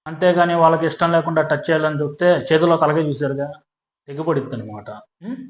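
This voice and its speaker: A man giving an argumentative commentary monologue, full of rhetorical questions and "hm?" tags after each point. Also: a little high. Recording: echoey room.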